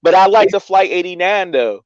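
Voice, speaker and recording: A smooth male voice with an American accent, pitched a little high. He chats casually as a stream guest, over audio that is dry and somewhat dull. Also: expressive, brisk, no echo. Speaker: livestream guest. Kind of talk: casual chat.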